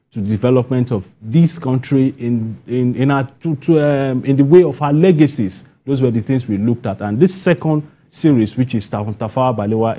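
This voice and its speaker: A medium-pitched, warm and husky voice belongs to this interview guest, a playwright with a Nigerian accent. His answers come spontaneously and emphatically, with key phrases repeated for emphasis.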